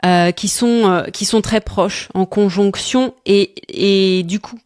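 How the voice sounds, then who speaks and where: A woman talks through astrology in a relaxed, chatty way, often pausing and restarting as she searches for words. She sounds tired, laughs easily, and the sound is dry and close. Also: mid-range voice, clear, resonant tone, no room sound. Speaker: astrology coach co-host. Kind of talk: casual astrology talk.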